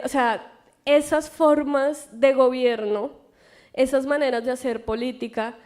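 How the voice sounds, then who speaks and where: A woman's voice: on the high side, darkish tone. A Colombian woman in her thirties, a guest author answering questions in a university room, thinking aloud with frequent laughs. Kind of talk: conversational Q&A answers.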